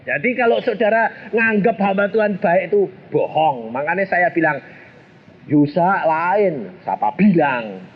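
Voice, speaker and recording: Lively preacher, jokey. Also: male voice, high-pitched, unhurried. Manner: animated, jokey, acts out voices. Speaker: pastor. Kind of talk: storytelling sermon. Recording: dull lo-fi sermon recording with faint hiss.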